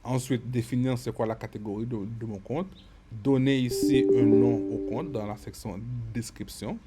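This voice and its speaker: A man giving a screen-recorded software lesson, often repeating words and filling pauses as he explains. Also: mid-range voice, steady tone, loud music behind the voice. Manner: stammering repetitions, many fillers. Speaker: software tutorial instructor.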